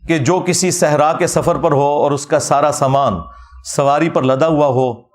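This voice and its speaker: A man giving an animated, mocking religious rebuttal lecture as a preacher. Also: mid-range voice. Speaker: Islamic preacher.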